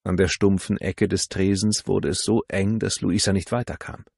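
A man reading a novel aloud as an audiobook narrator, in a calm, measured way. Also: low voice, creaky, husky, no echo, clean studio sound. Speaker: audiobook reader.

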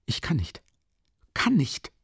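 A man voicing a feverish, irritable young man in an audiobook, speaking in a halting, strained way. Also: mid-range voice, lively intonation, darkish tone, no echo, studio quality, voice pushed up, natural voice. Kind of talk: audiobook reading.

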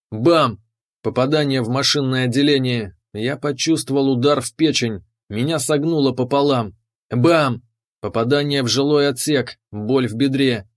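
Tense male audiobook narrator. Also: medium pitch. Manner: tense dramatic reading. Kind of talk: first-person audiobook narration.

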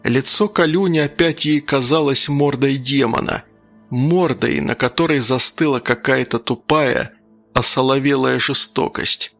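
A man reading a dark audiobook in a measured storytelling manner. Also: medium pitch, creaky, soft background music. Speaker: audiobook narrator.

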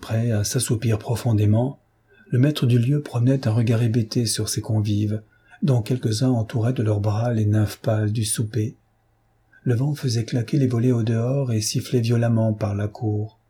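A man with a husky voice reads a classic novel aloud at a measured, steady pace. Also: medium pitch. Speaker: audiobook narrator.

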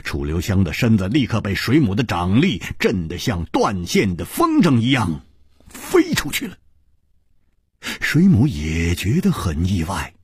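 A man's voice: deep voice, darkish tone, slightly rough, no room sound, studio quality. A male storyteller narrating a traditional Chinese tale with dramatic, rising and falling delivery.

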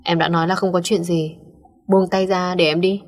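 Tearful young female student, read by a woman; husky, low, insistent. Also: level tone, normal speed, lightly acted. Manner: insistent, pleading.

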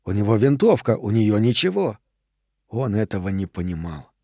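A man reading a novel aloud in a measured, even storytelling manner. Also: fairly low pitch, slightly rough, dry recording, clean studio sound. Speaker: audiobook reader. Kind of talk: scripted audiobook narration.

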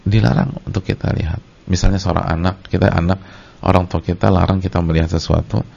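A middle-aged man, an Islamic preacher giving a lecture to his congregation in a lively, storytelling way. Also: sits low, fast. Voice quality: gravelly, husky. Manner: lively storytelling, acts out short scenes. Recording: dull lo-fi lecture recording.

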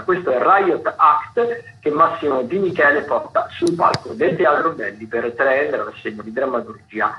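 A male radio host with a higher-pitched voice reads listings off his notes in unscripted commentary, sounding hesitant and halting and correcting himself as he goes. He's in a radio studio, and the sound is dull, lo-fi and slightly muffled, with faint background noise.

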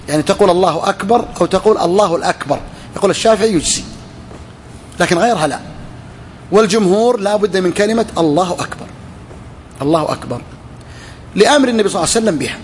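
A man's voice: high voice, a little hiss or hum. A man teaching a legal text, with a touch, who repeats key phrases, asks and answers his own questions, and drawls out words to demonstrate. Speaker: sheikh teaching a fiqh text. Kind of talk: explaining a classical text to students.

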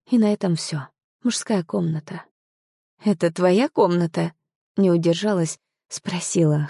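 A woman reads a novel aloud in the first person with a steady, even delivery. Her voice is low and dark, and the recording is dry and close. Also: vocal fry, no room sound. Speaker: audiobook narrator. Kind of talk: scripted first-person narration.

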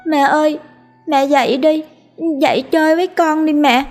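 A woman's voice: high-pitched, fairly even intonation, moderate pace, soft background music, voice pushed up, close to an everyday voice. A woman voicing a small child tearfully begging a dying mother to wake. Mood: tearful pleading. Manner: pleading, tearful.

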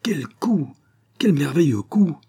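A man voicing a cheerful old male peasant archer in a storybook reading, speaking in lively exclamations. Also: medium pitch, measured pace, slightly rough. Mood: delighted.

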